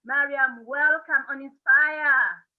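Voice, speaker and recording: A woman hosts an online interview show, introducing her guest with effusive praise and plenty of halting fillers. Her voice sits a little high. It comes through a thin, phone-like line. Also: fairly even intonation. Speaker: show host.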